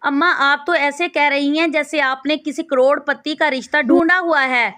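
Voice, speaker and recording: A woman's voice: high voice, steady tone, bright, forceful tone, no echo. A woman voicing a spirited young bride in a storybook, with a pleading, insistent reading.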